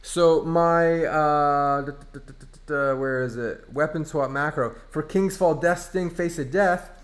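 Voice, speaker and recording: A man's voice: a little high, measured pace. A man giving casual gameplay commentary as a streamer, ranting in an exasperated, sarcastic way. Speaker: online game streamer.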